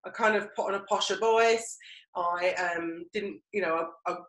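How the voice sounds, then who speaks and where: A middle-aged woman with an Essex English accent, from Romford, England, tells personal stories conversationally as a podcast co-host. She talks at a normal speed in a fairly low, steady, fairly bright voice, and the room sounds echoey.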